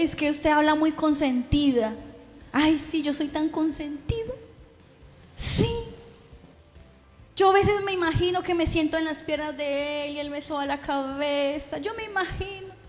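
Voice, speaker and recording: A woman, preaching a sermon in an animated, playful way and laughing often. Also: high voice, moderate pace, long reverb tail, faint music behind. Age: 30s. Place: church hall.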